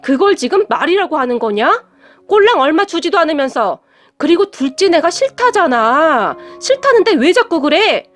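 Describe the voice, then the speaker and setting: A woman's voice: sits high, sing-song, normal speed. A woman voicing a stern elderly mother-in-law who scolds sharply in a storybook tale. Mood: angry.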